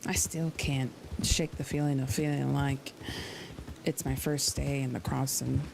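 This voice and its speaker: A speaker in a roleplay game stream, talking calmly and reflectively in character, with some hesitations. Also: mid-range voice, unhurried, gravelly, background noise.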